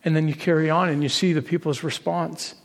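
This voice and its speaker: A man's voice: a little high, flat delivery, brisk, long reverb tail. A man preaching a sermon as a pastor, earnest and conversational, building up to emphatic peaks on key phrases.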